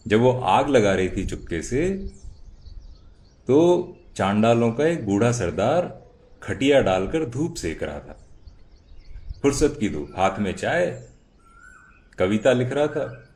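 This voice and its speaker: A man's voice: mid-range voice, a little mellow. A man narrating a children's story dramatically, with sound words and idioms.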